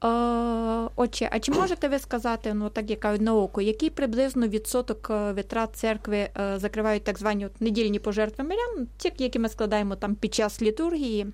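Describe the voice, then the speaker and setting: A female radio host, recorded close and dry in a studio. She reads phone numbers clearly and frames long, winding questions for her guest. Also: a little high, fairly quick, hardly any pauses, darkish tone, no room sound. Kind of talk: radio call-in hosting.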